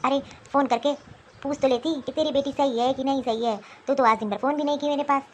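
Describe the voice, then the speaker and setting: A woman voicing a dramatic, complaining young married daughter in an animated cartoon. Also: high voice, fast talker, a little hiss or hum, close to an everyday voice.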